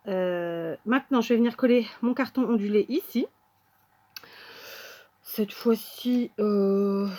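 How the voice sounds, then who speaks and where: A woman's voice: mid-range voice, a little mellow. A woman hosting a casual card-making tutorial at her craft table, talking to viewers as she works and thinking aloud with plenty of fillers.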